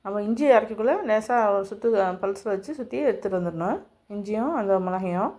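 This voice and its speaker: Woman, quick talker, mid pitch, home cooking demo, friendly step-by-step explaining. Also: darkish tone. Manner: homely step-by-step instructions, speaking to viewers directly. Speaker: cooking channel host.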